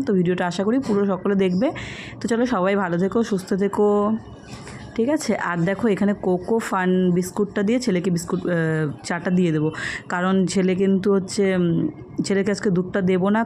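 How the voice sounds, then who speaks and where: A woman from India, giving a casual vlog voice-over and often checking in with her viewers. Her throat sounds slightly hoarse. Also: mid-range voice, warm tone, slight background noise. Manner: chatty, keeps checking in with viewers. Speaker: family vlogger.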